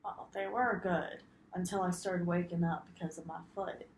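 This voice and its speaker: A woman's voice: on the low side, steady tone, normal speed, natural voice. A young woman playing a laid-back retired male farmer as a patient in a mock intake role-play, giving short, joking answers. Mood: easygoing. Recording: echoey room, faint noise.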